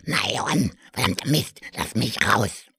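Guy doing a cursing wooden stick, raspy gravelly voice, dry close sound. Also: lowish voice, lively intonation, normal speed, pushed and bright, no echo, voice pushed up, heavily acted. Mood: rude. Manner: cursing, brusque. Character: rude foul-mouthed male walking stick.

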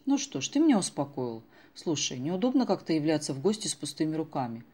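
A woman's voice: low voice, sing-song, quick pace, a little mellow, husky, exaggerated voice. A woman reading the lines of a polite, slightly flustered middle-aged man in an audiobook. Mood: teasing.

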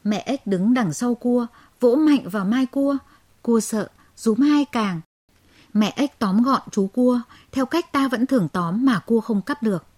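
Woman storyteller, children's fable, measured, expressive, dark, husky, dry close sound. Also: on the high side, dry recording.

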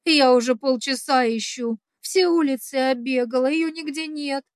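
A woman voicing a flustered elderly female nanny in an audiobook, talking fast and pleading. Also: high voice, clear, resonant tone, no room sound, clean studio sound, natural voice. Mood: frightened.

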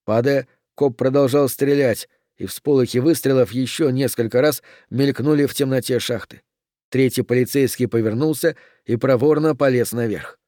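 A man narrating a thriller audiobook in a steady, measured reading. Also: mid-range voice, no room sound, studio quality.

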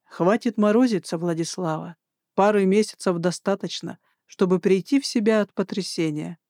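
A narrator voicing a bold, flirtatious male army major in an audiobook, low and teasing. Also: normal speed, darkish tone, no room sound, clean studio sound, natural voice. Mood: insistent. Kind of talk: audiobook dialogue.

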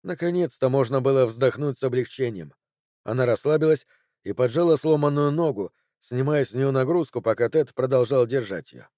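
A man reading an audiobook chapter in steady, measured narration. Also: medium pitch, no echo, clean studio sound. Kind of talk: scripted narration.

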